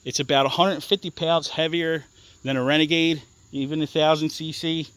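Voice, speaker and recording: A man casually walking through the mods on his off-road bike, halting with lots of ums and restarts, blunt and a bit profane. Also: a little high, steady tone, fairly bright tone, clean tone, no room sound. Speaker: ATV owner explaining his bike mods. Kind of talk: casual walkaround explanation.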